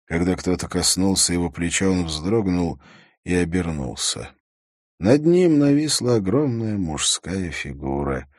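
A man giving a steady, measured audiobook narration. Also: low-pitched, no echo, studio quality. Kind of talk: scripted narration.

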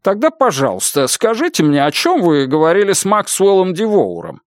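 A man voicing a pushy male lawyer who presses with sharp, needling questions. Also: high voice, wildly swooping pitch, normal speed, no room sound, clean studio sound, voice pushed up. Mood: irritated.

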